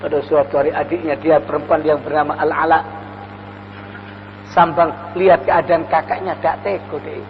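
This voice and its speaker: A man's voice: fairly high pitch, flat delivery, moderate pace, gravelly. An older man preaching a dawn sermon, telling stories and acting out the voices in them. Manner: storytelling, acts out quoted voices. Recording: lo-fi recording in a reverberant hall with faint noise.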